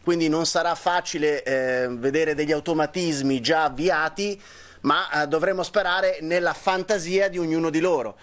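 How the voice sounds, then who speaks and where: A man arguing as a partisan football pundit in a live studio debate, animated and argumentative. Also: on the high side, moderate pace.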